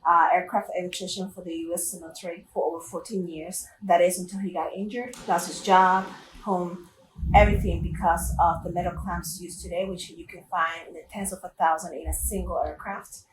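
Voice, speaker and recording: A woman's voice: lowish voice, steady tone, brisk. A woman from Puerto Rico, a company CEO, explaining her business in an earnest, businesslike way in an interview. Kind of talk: recorded interview. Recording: echoey room, distant mic, background noise.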